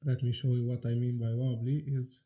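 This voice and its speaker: A man vlogging as he unboxes and assembles a gaming PC, chatting casually and nervously excited, his voice congested from a cold. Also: medium pitch, brisk. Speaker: PC building vlogger. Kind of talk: casual hands-on narration.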